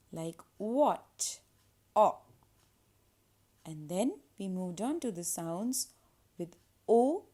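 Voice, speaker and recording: Slow, lilting woman teaching French sounds. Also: lowish voice, dark tone. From India. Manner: repeats each French word twice, slowly and with stress, then gives the meaning. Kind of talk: pronunciation lesson.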